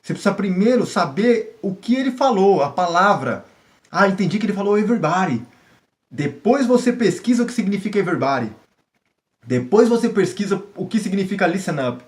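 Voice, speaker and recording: A man's voice: high-pitched, big pitch swings, brisk. Chatty Brazilian man teaching English. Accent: Brazilian Portuguese. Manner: chatty, switches into English for examples, acts out little scenes. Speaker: language-learning vlogger. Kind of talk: casual teaching vlog.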